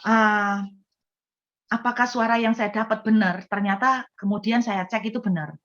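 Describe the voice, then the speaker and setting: Woman pastor, lively storytelling sermon, mid-pitched voice, slightly dull lo-fi sound. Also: moderate pace. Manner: animated storytelling, acts out harsh and gentle rebukes. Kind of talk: sermon teaching.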